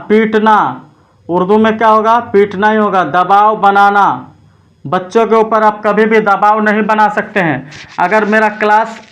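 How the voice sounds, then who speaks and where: A man's voice: high-pitched, a bit bright. A man teaching an exam-prep vocabulary lesson. He asks a question and then answers it himself, repeating each word pair.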